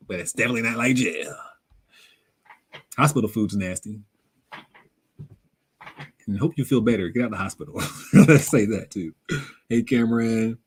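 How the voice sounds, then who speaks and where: A young man hosting a casual live Q&A, reading viewer comments aloud and answering them in a relaxed, slangy way, laughing often. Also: on the low side, husky. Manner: relaxed, conversational, drops words into everyday slang. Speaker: livestream host reading chat.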